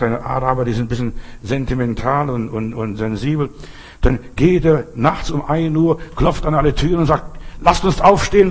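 A man's voice: mid-range voice, creaky, darkish tone, breathy edge. An older man, a pastor, preaching an earnest sermon and telling stories with acted-out quotes.

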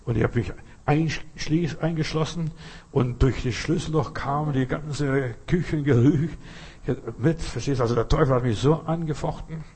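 A man with a slightly high, darkish voice and a breathy edge preaches at a moderate pace. Addressing the listener head-on, he keeps asking "you understand?" and his voice climbs abruptly to stress points.

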